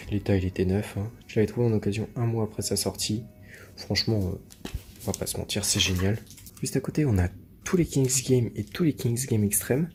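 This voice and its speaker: A man hosting his own video, chatting casually and showing off his collection, relaxed and full of hesitations and fillers. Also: on the low side. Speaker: manga collection video host.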